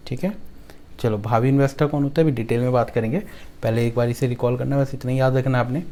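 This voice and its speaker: A male accounts teacher from Delhi, lecturing his students in a Hindi-speaking accent. He repeats key lines slowly, turns them into a rhyme to recite and keeps asking if things are clear. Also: mid-range voice, fairly even intonation, mellow.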